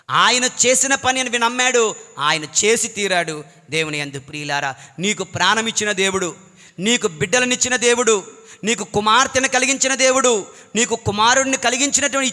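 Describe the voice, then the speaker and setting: A man's voice: very high-pitched, bright, forceful tone, big-room sound. A male priest preaching a sermon, repeating phrases and leading the congregation in call-and-response. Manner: dramatic rising refrains.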